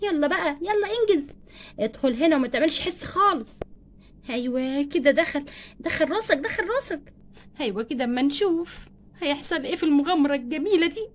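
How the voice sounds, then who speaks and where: A woman's voice: sits high, animated, quick pace. A woman with an Egyptian accent voicing a mischievous teen girl who plots pranks and mutters to herself in a doll play story. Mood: gleeful. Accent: Egyptian Arabic. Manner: plotting, talks to herself.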